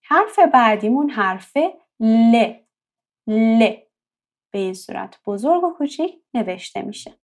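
Fairly high-voiced woman teaching slowly. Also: expressive. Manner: slow, drawn-out repetition of example words. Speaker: language teacher. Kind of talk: language lesson.

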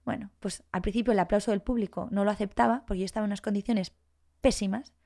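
A woman's voice: mid-range voice, quick pace, creaky. Spanish woman telling a personal story. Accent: Spain Spanish. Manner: emotional, animated, acts out past dialogue. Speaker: guest.

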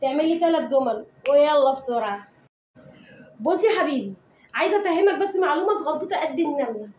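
Woman, Egyptian Arabic accent, has a cold, high voice, coaxing children's teacher, sing-song chanting, roomy echo. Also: expressive, fast talker, darkish tone, distant mic, slight background noise. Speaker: English teacher. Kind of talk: online grammar lesson to children.

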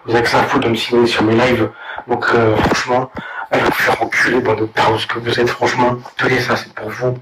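A man with a hoarse, sick voice rants at other gamers, crude and halting, with many hesitations. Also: medium pitch, level tone, heavy background noise. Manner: crude, halting, full of fillers. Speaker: gamer ranting to viewers. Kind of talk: angry video rant.

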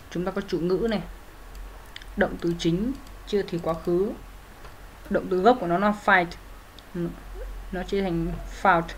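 A woman teaching grammar, walking through each answer step by step and correcting herself as she goes. Her voice sits a little low, with a faint hum underneath. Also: a bit bright. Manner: methodical, with frequent fillers and self-corrections. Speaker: English teacher. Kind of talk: explaining grammar exercises.

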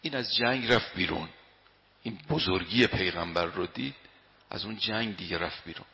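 A man's voice: lowish voice, vocal fry, bright, forceful tone. A man giving a sermon, telling stories emphatically and reciting Arabic quotations, his voice swelling on key phrases. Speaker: religious lecturer. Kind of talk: sermon with storytelling. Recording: long hall reverb.

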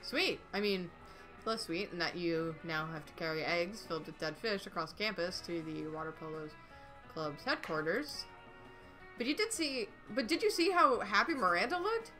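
A woman's voice: on the low side, lively intonation, normal speed, pushed and bright, soft background music. A woman narrating a dating game on a stream, reading the text in a playful, upbeat way with dry asides.

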